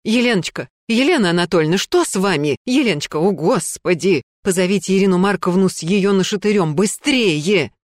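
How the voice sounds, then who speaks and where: A woman's voice: mid-range voice, expressive, a little fast, hardly any pauses, no room sound, studio quality, lightly acted. A woman narrating an audiobook, voicing a stern, commanding old woman who runs a museum. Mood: alarmed. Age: older. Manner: commanding, lecturing, firm.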